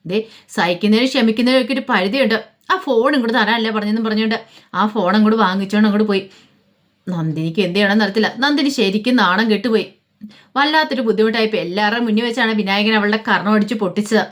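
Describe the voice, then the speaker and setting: A woman casually retelling a family drama in loose, chatty narration, slipping in fillers and quoted dialogue. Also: medium pitch. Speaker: storyteller.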